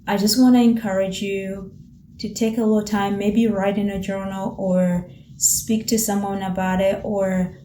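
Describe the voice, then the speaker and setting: A vlogger born in Tanzania, whose first language is Swahili, shares personal reflections to the camera in a calm, mellow, mid-range voice. She pauses now and then to search for words, keeping a gently encouraging tone. The recording has a roomy echo with a faint ambient hiss beneath it.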